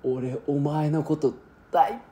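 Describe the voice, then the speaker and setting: A man voicing a gleeful young male villain who gloats slowly and savors each word. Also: on the high side, steady tone, mellow, pitched above the performer's own voice. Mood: gloating. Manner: slow, drawn-out, gloating.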